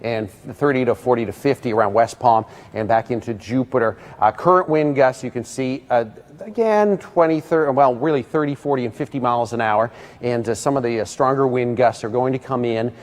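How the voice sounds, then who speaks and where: American weather guy on live tv, medium voice, stop and start, lots of uhs while he explains the storm. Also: mid-range voice. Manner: hesitant, halting phrasing with many pauses. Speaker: TV meteorologist. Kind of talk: live ad-libbed weather commentary.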